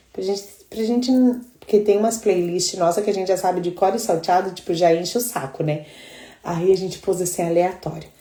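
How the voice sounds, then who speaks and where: A woman's voice: low voice, mellow, echoey room. A middle-aged Brazilian woman leading a live devotional, chatting and telling stories with frequent laughter. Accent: Brazilian Portuguese. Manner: chatty, storytelling, laughs often. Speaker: devotional group leader.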